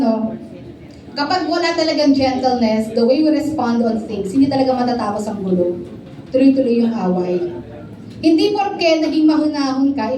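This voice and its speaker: A woman pastor with a Filipino accent preaching a sermon, asking her listeners questions and reading scripture slowly. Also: high voice, warm tone. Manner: mixes English and Tagalog, asks the congregation questions; reads scripture slowly and deliberately. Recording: echoey hall, distant mic, faint noise.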